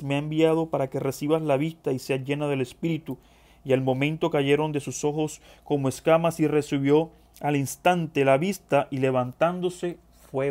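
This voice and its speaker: Preacher, male, slightly high voice, alternates loud scripture reading with soft asides. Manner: reads scripture aloud, then drops to soft asides.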